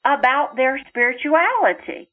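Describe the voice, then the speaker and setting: A woman quoting a gentle, calm late father. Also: high-pitched, unhurried, voice pushed up. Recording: tinny phone line.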